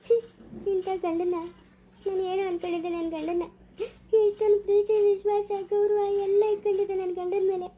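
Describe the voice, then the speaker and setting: A woman's voice: very high-pitched, steady tone, fairly quick, long pauses, a little mellow. A heartbroken young village wife, played by a woman, speaking. She sounds tearful and bitter and repeats her refusals hard. The scene comes from a homemade village family drama.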